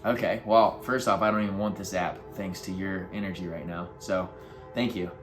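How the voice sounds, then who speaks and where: A man with a fairly low voice speaks as a life coach, offering earnest, motivational advice in a loose, casual manner. He leans on fillers as he talks straight to the viewer. Faint music plays behind him. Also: steady tone, moderate pace. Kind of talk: motivational advice talk to camera.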